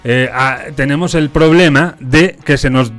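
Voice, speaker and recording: A man from Spain co-hosts a relaxed chat, his Spanish accent softened toward a neutral Mexican sound. He explains things in a measured, explanatory way and often tags his sentences with a questioning "no?". Soft music runs quietly behind his mid-pitched voice. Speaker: host. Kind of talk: casual radio-style chat.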